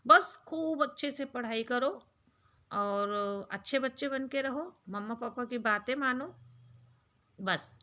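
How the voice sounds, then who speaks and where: Mom vlogger lady, slightly high bright voice, soft motherly advice to little girls. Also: slow. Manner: gentle, motherly, speaks directly to young girls. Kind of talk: casual advice talk to camera.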